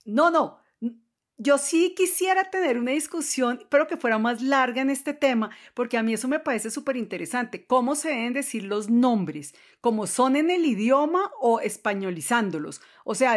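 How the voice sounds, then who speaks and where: A woman's voice: on the high side, lively intonation, normal speed. A woman co-hosting a podcast, defending her point defiantly. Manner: defiant, argumentative. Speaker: podcast co-host. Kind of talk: casual panel chat.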